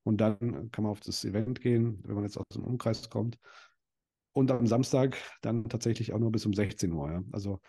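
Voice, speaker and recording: A young adult man speaking as a podcast guest. His voice sits low and sounds warm and relaxed. He talks loosely, hesitating often and restarting his sentences. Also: normal speed, husky. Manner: hesitant, many fillers and restarts. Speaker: podcast guest, dental practice owner and event organizer. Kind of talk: casual interview chat.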